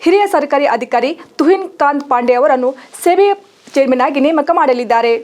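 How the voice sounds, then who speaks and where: Woman, news reader, high-pitched voice, formal scripted narration, studio voice-over. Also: a little fast. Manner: even, formal read-out delivery.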